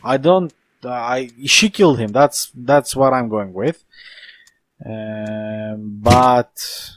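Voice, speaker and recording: A man playing through a detective game, rambling and joking as he reads the text aloud. He talks slowly at a middle pitch. Faint noise sits behind his voice. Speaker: let's play gamer. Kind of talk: casual game commentary.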